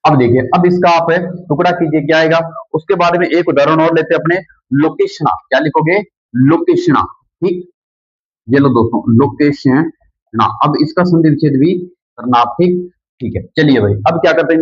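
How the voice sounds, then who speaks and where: A man's voice: a little high, fairly quick, husky, no room sound. A man teaching a grammar lesson, repeating each key word back as a question to his students. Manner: calls students "friends" often. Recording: dull lo-fi sound.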